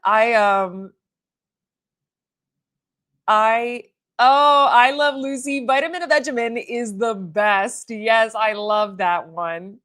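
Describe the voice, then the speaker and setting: Sitting at a mirror at home applying makeup, a woman in her thirties runs a beauty livestream. Her voice is a little high and a bit bright, her pace slow with frequent pauses. She reads viewer comments aloud and rambles in a chatty way, her talk full of "like" fillers.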